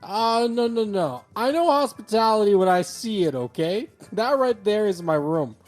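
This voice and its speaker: Drunk haughty noble, indignant demands, lively pitch, played by a tabletop player. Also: moderate pace, soft background music, lightly acted. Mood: drunkenly indignant. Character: drunk pompous male noble guest.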